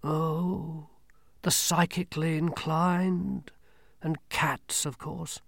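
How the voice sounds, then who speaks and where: A man reading a storybook, voicing Death as a tall male skeleton who speaks slowly, calmly and mildly. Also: a little high, gravelly, no room sound, voice pushed up, full character voice. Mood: calmly explaining. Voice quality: slow, hushed, dry and measured. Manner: mild, patient, faintly peevish.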